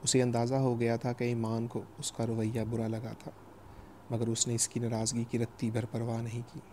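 A man reading a novel aloud as a steady, even audiobook narrator. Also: medium pitch, slight background noise.

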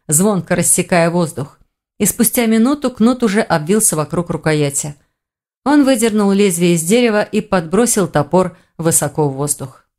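A woman's voice: medium pitch, darkish tone. Woman narrating an audiobook. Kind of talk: scripted narration.

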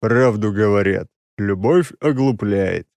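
An exasperated, sarcastic six-armed demon, as a male audiobook reader puts him on, scolding in a raised, mid-pitched voice. The storybook recording is dry and close, with no room sound. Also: lively intonation, fairly quick, a little mellow, dry recording, natural voice.

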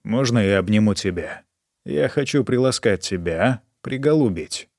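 Man doing a weary, bitter man, flat voice. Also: fairly low pitch, normal speed, no echo, clean studio sound. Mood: tender. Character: weary, bitter man, tender then cold.

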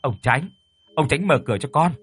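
A man's voice: fairly high pitch, animated, moderate pace, husky. A man voicing two frightened young male servants who stammer and plead in a horror story. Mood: nervous.

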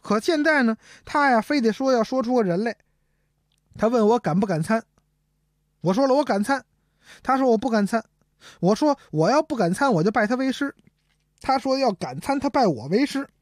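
Animated woman storyteller. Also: a little high, normal speed, long pauses, no room sound, studio quality. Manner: animated, addresses the audience directly. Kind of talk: traditional comic storytelling.

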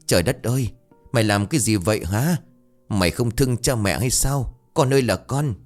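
A man's voice: lowish voice, expressive, normal speed, soft background music, close to an everyday voice. A man voicing an anxious middle-aged village mother, pleading and tearful. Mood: frantic.

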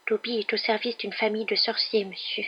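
A woman voicing a small male house-elf with a high, squeaky, humble voice, servile and tearful, in an audiobook reading. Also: little pitch movement, brisk, husky, highs cut off. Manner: humble, overexcited, sobbing outbursts. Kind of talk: audiobook character voice.

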